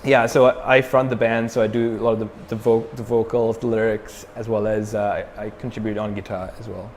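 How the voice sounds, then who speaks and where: Here a fairly low-pitched, brisk male voice sounds like it's in a big room, with slight hiss or hum. The speaker, a young metal band frontman from Sri Lanka, is a relaxed interview guest whose casual talk is packed with fillers and restarts.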